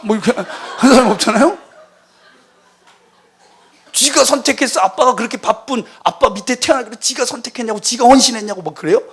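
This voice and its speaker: A man in his forties, a missionary preaching a lively sermon in a church, telling stories and acting out the voices in them. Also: high voice, slightly rough. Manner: animated storytelling, acting out quoted voices.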